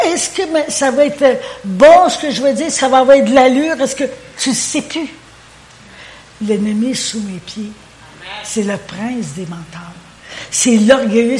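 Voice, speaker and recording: Speaking in a high-pitched voice with a Québécois French accent, a woman preaches animatedly over slight background noise. She dramatizes quoted prayers and dialogue, and repeats words while hunting for the right phrasing.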